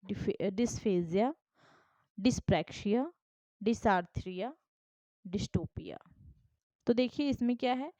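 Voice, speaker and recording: A woman's voice: medium pitch, a little slow, pauses often, warm tone, dry recording. A woman teacher gives an exam-prep lesson, reading questions aloud and explaining step by step while checking that students follow. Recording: dull, lo-fi dry recording.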